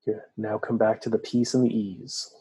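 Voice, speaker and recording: Male meditation guide, mellow and breathy, calm soothing delivery. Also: fairly low pitch, low-quality recording. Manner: slow, soft, soothing instructions.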